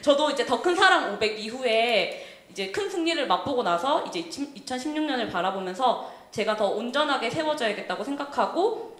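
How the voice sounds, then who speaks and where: A young adult woman leader preaching a sermon in a church, telling stories in an animated way and speaking directly to the congregation. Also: fairly high pitch, slight background noise. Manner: animated storytelling, often laughing, addresses the congregation directly. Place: church sanctuary. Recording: echoey church hall.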